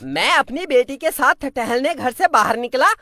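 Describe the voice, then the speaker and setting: A woman voicing a flustered, gruff cartoon man. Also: high-pitched, expressive, moderate pace, sharp tone, no echo, clean studio sound. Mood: worried. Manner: gruff, exasperated. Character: flustered middle-aged male guest. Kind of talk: cartoon voice acting.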